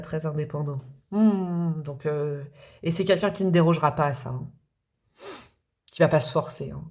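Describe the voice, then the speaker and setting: Talking directly to her viewers, this woman does a casual tarot reading and works through her thoughts out loud. Her voice is fairly low in pitch with a darkish tone.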